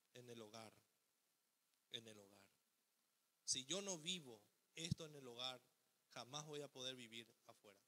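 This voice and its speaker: A man's voice: medium pitch, pushed and bright. A man preaching a sermon as pastor, asking rhetorical questions and acting out the voice of the selfish ego. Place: church hall. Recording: long hall reverb.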